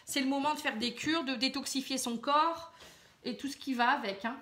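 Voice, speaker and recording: Bright high-voiced woman reading cards. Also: normal speed. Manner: chatty, many filler words and tags; gently advising, addresses viewer directly. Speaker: card reader. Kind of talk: casual tarot reading to camera.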